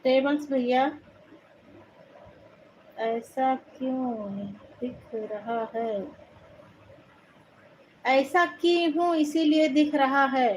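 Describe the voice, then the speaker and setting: A woman from Uttar Pradesh, India, with an Awadhi-tinged Hindi accent hosts a live stream, casually reading viewer comments and warmly thanking each viewer, calling them brother. Her voice sits high and moves very slowly with long pauses, on a rough recording with a little hiss or hum.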